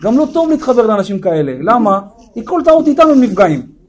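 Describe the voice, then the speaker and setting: A man, a rabbi, giving a sermon in an animated storytelling way, firing rhetorical questions at his listeners. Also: sits high.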